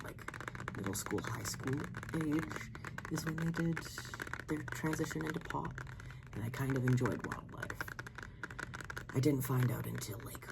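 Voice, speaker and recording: A person giving a soft-spoken, casual ASMR show-and-tell, rambling and swearing freely, often slipping into a whisper. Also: medium pitch, gravelly. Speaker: ASMR video creator. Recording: lo-fi, loud noise, clicking and tapping. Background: tapping, scratching and clicks.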